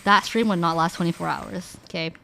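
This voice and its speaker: A young woman streaming, chatting casually with viewers in an animated way, filling her talk with "like" and restarting her sentences. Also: on the low side, fairly quick, vocal fry, a little hiss or hum. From Canada.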